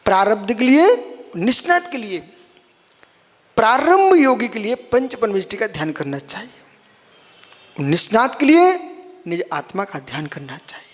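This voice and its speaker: Jain monk, sermon delivery, expounds verse line by line, speaks to listeners like family, high voice. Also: male voice, big pitch swings, unhurried, long pauses, big-room sound. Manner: explains scripture line by line, addresses listeners as son and brother. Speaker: Jain monk giving a discourse.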